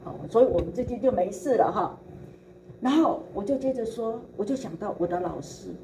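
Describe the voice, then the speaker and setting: A woman, a preacher telling her testimony in an animated way and acting out the dialogue. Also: medium pitch, fairly quick, poor audio. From Taiwan. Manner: animated, acts out quoted dialogue, laughs often. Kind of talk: storytelling testimony sermon. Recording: recording with steady background noise.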